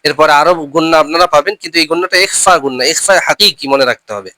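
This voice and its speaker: A male teacher walks his students through recitation rules step by step, spelling out letters and syllables slowly before repeating them. His voice is bright and a little high. The recording is dry and close, with no room sound around him. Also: no echo, rough recording. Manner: reminds listeners often to remember the rules.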